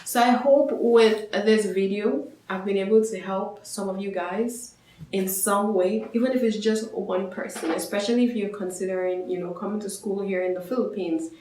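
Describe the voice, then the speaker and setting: A woman's voice: mid-range voice, normal speed, darkish tone, slight background noise. A young woman from Nigeria, a student vlogger, giving casual, upbeat advice to her viewers. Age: young adult. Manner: chatty, explanatory, upbeat. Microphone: camera mic. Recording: echoey room.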